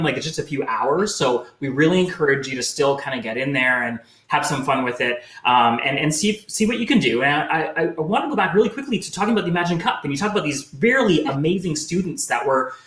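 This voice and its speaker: A man's voice: fairly high pitch, fairly bright tone. Upbeat man in an echoey room. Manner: chatty, encouraging, frequent fillers and restarts. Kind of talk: casual live-show chat.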